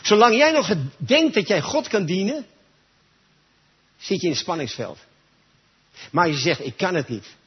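Husky, lively-voiced male preacher. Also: sits high, moderate pace, long pauses. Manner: emphatic, speaks straight to listeners. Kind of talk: sermon. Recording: dull lo-fi recording.

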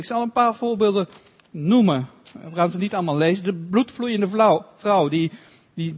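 Earnest high-voiced preacher in a reverberant hall. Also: male voice. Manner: earnest, halting with restarts, slows for quoted scripture. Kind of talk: sermon.

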